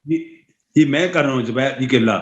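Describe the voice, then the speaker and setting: Slow, halting older male student, off-mic. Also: mid-range voice. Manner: slow, halting syllable-by-syllable spelling. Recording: dull, off-mic.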